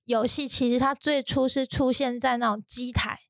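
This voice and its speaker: A woman's voice: sits high, fairly even intonation, moderate pace, gravelly, a bit bright, no room sound, studio quality. A woman, an English teacher co-hosting a lesson, who explains words methodically and step by step. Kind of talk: explaining vocabulary.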